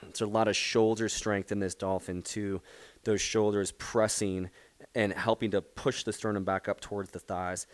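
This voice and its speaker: A man teaching a power yoga class, giving calm, encouraging step-by-step cues and gentle praise. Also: on the low side, normal speed, no room sound. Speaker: yoga instructor. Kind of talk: guided yoga class instruction.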